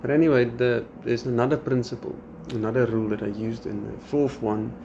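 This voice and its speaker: Fairly quick and mid-range with vocal fry, a South African podcast host whose first language is Afrikaans keeps the chat casual. He animatedly quotes and acts out his students, recorded with slightly dull sound and faint background noise.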